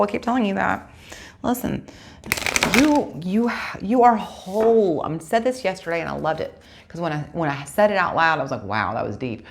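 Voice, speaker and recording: A woman's voice: fairly low pitch, vocal fry. A woman giving a casual tarot reading, chatting straight to her viewers and correcting herself aloud as she goes. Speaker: tarot reader.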